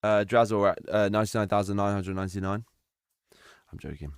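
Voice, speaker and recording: A young man with a low, deep voice chats easily with his live-stream audience and calls out viewers by name. The sound is close and dry, with no room echo. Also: fairly even intonation, quick pace, clean tone. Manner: easygoing, chatty, talks to viewers by name. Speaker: livestreamer. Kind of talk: casual live-stream chat.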